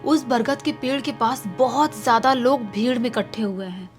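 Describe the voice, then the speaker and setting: A woman telling a horror story dramatically, dropping to a hush at tense moments. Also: fairly high pitch, moderate pace, soft background music.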